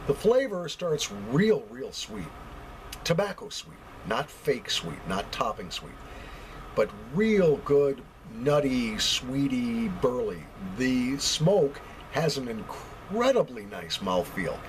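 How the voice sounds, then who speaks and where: American man with lively, swinging intonation. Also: mid-range voice, slow, slight background noise, poor audio. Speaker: pipe tobacco reviewer. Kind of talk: casual review vlog. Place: basement.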